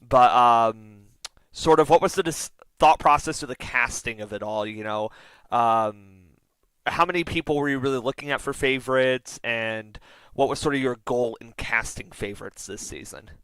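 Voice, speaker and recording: A man's voice: mid-range voice, moderate pace, a bit bright, clean tone, no echo, poor audio. A man hosting a casual podcast chat, introducing his co-hosts with playful, teasing asides. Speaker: podcast host.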